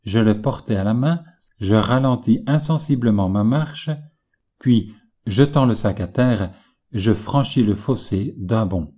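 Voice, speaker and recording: A man narrating a novel in the first person, with measured, literary storytelling. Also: on the low side, darkish tone. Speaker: audiobook narrator.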